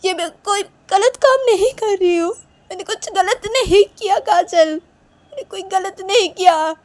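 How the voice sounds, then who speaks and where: A woman voicing a young woman who cries and pleads in a high, strained voice while insisting she did nothing wrong. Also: sing-song, normal speed, a little mellow. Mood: tearful pleading. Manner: high-pitched, tearful pleading. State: crying. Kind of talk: one-woman voiced romance story.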